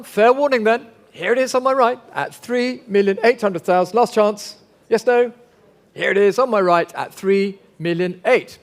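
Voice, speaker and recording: A man working as an auctioneer, calling and repeating bids in a polite, formal way as he coaxes bidders. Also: high-pitched. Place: large auction sale room.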